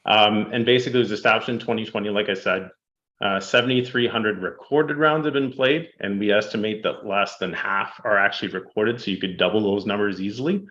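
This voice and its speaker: A man presenting statistics to a city council, steady and fact-heavy, with frequent ums. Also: lowish voice, fairly quick, dull audio. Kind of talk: public presentation. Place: council chamber.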